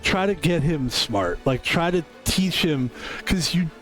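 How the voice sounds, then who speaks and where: A man's voice: a little high, lively intonation, unhurried, fairly bright tone, soft background music. A man in his fifties chatting casually while streaming a game, rambling and correcting himself as he thinks aloud. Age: 50s. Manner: rambling, reflective, self-correcting. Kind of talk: casual chat while gaming.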